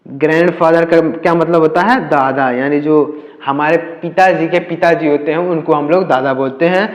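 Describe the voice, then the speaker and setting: High-voiced man teaching in an echoey room. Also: fairly even intonation. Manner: slow, repetitive spelling out letter by letter with call-and-answer questions. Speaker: English teacher. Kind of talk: Hindi-language lesson teaching English reading. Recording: echoey room with long reverb.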